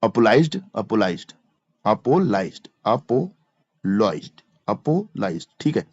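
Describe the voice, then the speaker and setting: A man's voice: on the low side, big pitch swings, slow, a little mellow, no room sound. A male teacher with a Hindi accent, giving an exam-prep grammar lecture, spelling words out letter by letter and repeating each verb form. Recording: dry, slightly dull lo-fi mic.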